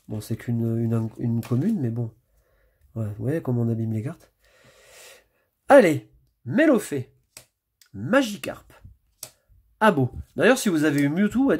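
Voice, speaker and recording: Husky man chatting while opening card packs. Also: medium pitch, a little mellow. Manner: chatty, mutters card names as he flips. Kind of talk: casual pack-opening commentary.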